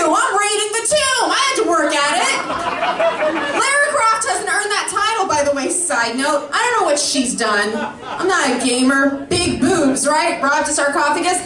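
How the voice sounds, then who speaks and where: Thirties woman doing sarcastic standup, sounds a bit far off in a roomy club, audience laughing. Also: high-pitched. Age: 30s. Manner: brash, sarcastic, profane. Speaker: stand-up comedian. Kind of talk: stand-up comedy set. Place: comedy club stage with a live audience. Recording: echoey room, mic heard from afar, crowd laughter.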